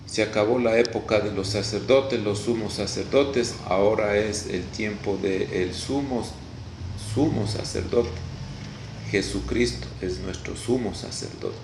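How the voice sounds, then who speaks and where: A man from Ecuador with an Ecuadorian Spanish accent, preaching a video sermon in a halting way, repeating words and often saying "Gloria a Dios.". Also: lowish voice, reverberant, noisy background.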